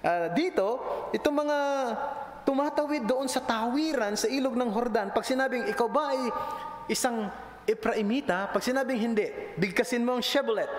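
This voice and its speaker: A man preaching a sermon as pastor, switching between Tagalog and English and lifting and dropping his voice to stress points. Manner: mixes Tagalog and English, rises and drops pitch for emphasis. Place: church sanctuary. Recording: echoey church hall with faint noise.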